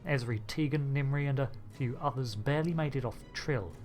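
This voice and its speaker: A man's voice: medium pitch, brisk, a little mellow. A man narrating a video game story playthrough in a conversational way, with wry asides. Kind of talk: narrated playthrough with light commentary. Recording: voice over background game music.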